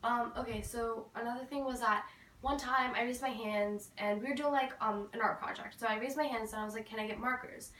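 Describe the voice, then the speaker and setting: A woman's voice: fairly high pitch, fairly even intonation, a little fast, fairly bright tone, reverberant, recorded from a distance, a little hiss or hum, rough recording. A teenage girl chatting casually in a storytime vlog, full of fillers and quoted asides. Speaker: vlogger.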